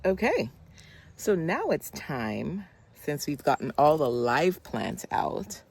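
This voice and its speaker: Garden vlogger, talks to viewers outdoors, excitable, gravelly, faint yard sounds behind. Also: medium pitch, a little hiss or hum. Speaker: gardening channel host. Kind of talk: casual gardening vlog.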